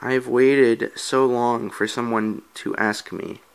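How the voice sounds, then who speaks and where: A man voicing a gentle, lonely young woman ghost as he reads comic book lines aloud. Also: medium pitch, fairly even intonation, slow pace, clean tone, rough recording. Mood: sweet. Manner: reading comic dialogue aloud.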